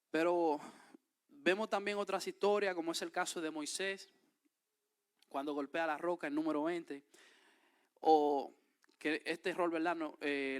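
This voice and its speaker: In his sermon, a man from the Dominican Republic with a Dominican Spanish accent reads scripture and then unpacks it with emphatic rises in his voice. His tone is clean and his pitch a little high.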